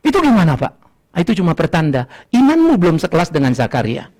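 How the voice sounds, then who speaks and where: An older man preaching a sermon. He swings between loud outbursts and low asides and laughs often. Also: huge pitch swings, quick pace. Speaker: pastor. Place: church hall.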